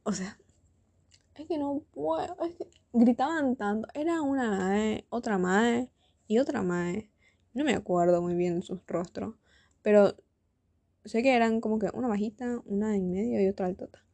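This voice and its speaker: A woman's voice: on the high side, mellow, dry recording. Sarcastic young woman, rambling. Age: young adult. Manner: sarcastic, rambling, quick asides. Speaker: podcast host. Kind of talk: casual solo podcast rant.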